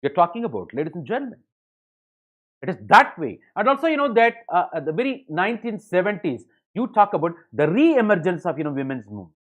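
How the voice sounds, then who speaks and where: A man delivering an exam-coaching lecture at a brisk, rushing clip, his voice sitting a little high. He keeps stringing ideas together with "you know" and calls his students ladies and gentlemen. The recording is dull and lo-fi. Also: sing-song. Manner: rapid, filler-heavy, addresses students as ladies and gentlemen. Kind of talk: online lecture.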